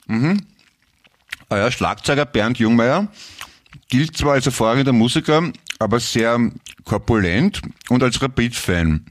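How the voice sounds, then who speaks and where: A man's voice: mid-range voice, animated, a little slow, dry recording. A man with a Viennese accent hosting a podcast in playful, rambling casual chat. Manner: playful, rambling, laughs often. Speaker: podcast host.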